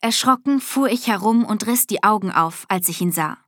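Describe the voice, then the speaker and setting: Woman reading a novel out loud, animated, dry booth sound, jumps high when the heroine panics. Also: normal speed, no echo. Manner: lively, with high, excited outbursts in dialogue. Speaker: audiobook narrator. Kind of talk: first-person novel reading.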